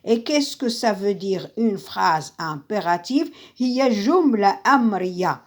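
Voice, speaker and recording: A woman teaching a grammar lesson, repeating each example slowly and explaining it again in Arabic. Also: medium pitch, lively intonation. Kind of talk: slow classroom grammar lesson.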